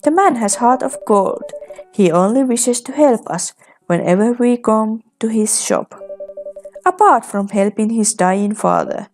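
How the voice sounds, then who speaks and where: A woman's voice: fairly high pitch, animated, a little slow, darkish tone. A woman voicing a flamboyant theatrical man. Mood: effusive. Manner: grand and theatrical.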